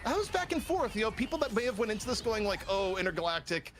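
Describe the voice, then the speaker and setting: Brief: male esports play-by-play caster, high, fast and excitable. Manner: excitable, builds hype on big plays. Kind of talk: hype play-by-play commentary.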